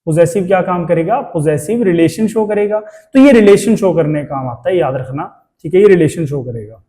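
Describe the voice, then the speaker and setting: High-voiced man teaching grammar. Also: lively intonation, warm tone. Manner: asks the class rhetorical questions; reads English phrases out slowly. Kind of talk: classroom lecture in Hindi-English mix.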